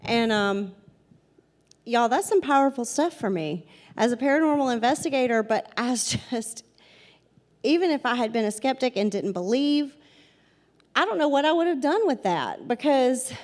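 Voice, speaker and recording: Speaking with a fairly high pitch, this Southern US woman in her forties is a paranormal investigator telling stories to an audience. She addresses them directly and says things more than once to drive them home, all under a long hall reverb.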